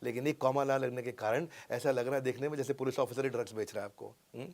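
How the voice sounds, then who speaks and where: A middle-aged man with an Indian accent, teaching in an energetic, emphatic way and often checking in with his listeners. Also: medium pitch, fast. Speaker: business coach and YouTube host. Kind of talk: motivational teaching talk.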